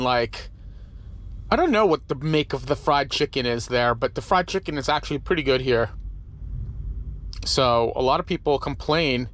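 A man's voice: mid-range voice, fairly bright tone. A man in his forties, a truck driver, rambling easily to a camera held at arm's length, first outdoors at a truck stop and then inside his truck cab. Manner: rambling, easygoing, talks with many fillers. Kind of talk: casual vlog talk to camera. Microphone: handheld camera at arm's length.

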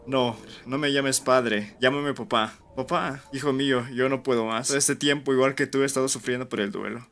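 A man reading the part of a grieving father in a video game, in a plain, low, subdued read. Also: fairly bright tone, close to an everyday voice. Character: grieving father, stern but breaking down.

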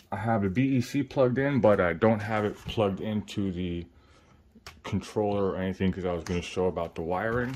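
Low-voiced man talking through a swollen face. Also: darkish tone, slight background noise. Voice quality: slightly muffled speech from swollen face after surgery. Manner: informal, explains step by step. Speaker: RC hobbyist host. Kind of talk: casual how-to tutorial. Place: indoor hobby workbench.

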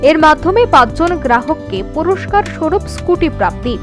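A woman narrates a scripted news report. Her voice is very high and moves with lively intonation, over clearly heard music. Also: brisk.

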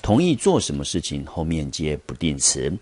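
Low-voiced guy teaching english words, bouncy lively pitch, dry close sound. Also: breathy edge, no echo. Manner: patient explaining, drawn-out pauses on "呢" and "好". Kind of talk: vocabulary lesson.

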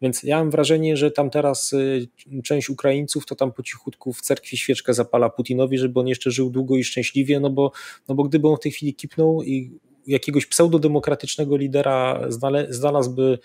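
A man in the guest's chair talks through questions as a military analyst. His delivery is measured and unhurried, broken by frequent hesitant fillers. His voice sits at an ordinary male pitch, and the recording is close and dry. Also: level tone, warm tone, dry recording. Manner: measured, pauses often with filler sounds. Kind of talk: conversational expert commentary.

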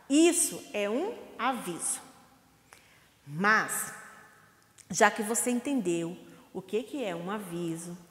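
Slow, lively woman teaching small children. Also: fairly high pitch. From Brazil. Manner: slow, sing-song teacher talk, asks questions and sounds out syllables. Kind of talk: lesson for young children. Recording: echoey room with long reverb.

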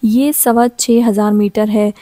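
A woman's voice: medium pitch, fairly even intonation, slow, dark tone, no room sound, close to an everyday voice. A woman reading the lines of a stranded, frightened and short-tempered young woman mountaineer in an audio novel, in a snapping, exasperated way. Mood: tense.

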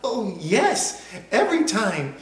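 A man's voice: high-pitched, wildly swooping pitch, takes it slowly, exaggerated voice. A man voicing a timid little male piglet who stammers and hesitates nervously. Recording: roomy echo.

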